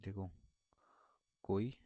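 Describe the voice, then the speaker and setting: A man's voice: drawn-out words, dry recording. A man teaching vocabulary in a casual, rambling way, repeating words and circling back with many fillers. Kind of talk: casual explanatory lesson. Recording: dull lo-fi dry recording.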